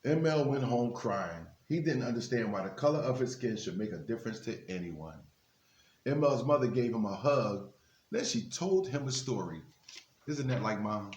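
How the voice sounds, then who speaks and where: A man with a lowish, slightly mellow voice reads a children's book aloud and breaks off for friendly, encouraging asides to the young children. He is a guest reader at a basketball team's literacy program, heard in an echoey, reverberant room with slight background noise.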